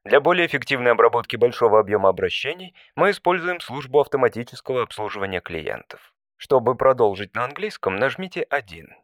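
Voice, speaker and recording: An automated support-line menu voice acted out by a man for a comic audio story. It speaks in measured, scripted prompts at a middling male pitch, courteous and deadpan with faint exasperation. The sound is dry, with no room around it. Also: no room sound, natural voice. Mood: polite, automated.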